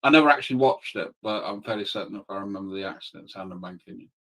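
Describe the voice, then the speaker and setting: A man's voice: on the low side, fast, a bit bright, poor audio. A British man whose accent mixes Scottish, Northern and Southern English, chatting casually and swearing freely as he tells jokes over voice chat. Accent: mixed British, Scottish, Northern and Southern English. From United Kingdom. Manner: joking storyteller, swears freely.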